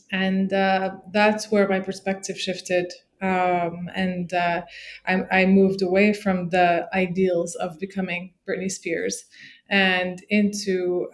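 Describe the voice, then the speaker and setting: Low-pitched woman from Morocco, relaxed. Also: a little hiss or hum. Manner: friendly, relaxed storytelling with fillers. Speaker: guest. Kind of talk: casual interview chat.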